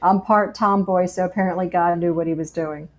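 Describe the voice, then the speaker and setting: A woman from Pennsylvania, appearing as a guest on a faith show, tells her life story earnestly through anecdotes, often restarting sentences and repeating words. Her lowish, darkish voice is fairly even and fairly quick. It's personal testimony in conversation.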